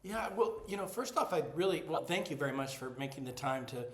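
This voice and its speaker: Halting male co-host, echoey room. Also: on the high side, expressive, a bit bright, a little hiss or hum. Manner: halting, repeats words as he forms questions. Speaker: co-host interviewer. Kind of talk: interview conversation. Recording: roomy echoey sound.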